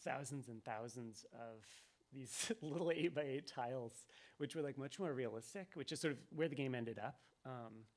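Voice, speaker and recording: Man, game developer, live talk to an audience, thoughtful, halting with fillers, fry in the voice. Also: medium pitch. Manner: thoughtful, rambling, many ums and restarts. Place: event venue with audience.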